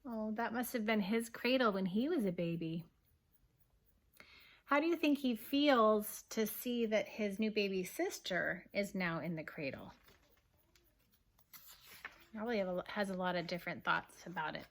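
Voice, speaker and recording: Reading a picture book aloud, a kindergarten teacher speaks gently and expressively in a medium-pitched voice. She stops now and then to ask her young listeners questions.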